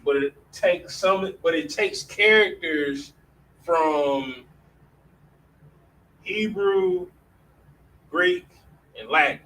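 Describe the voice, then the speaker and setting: A man with a fairly high, slightly bright voice teaches a classroom lesson casually, often dropping "all right" between points. The mic is distant, picking up faint room noise.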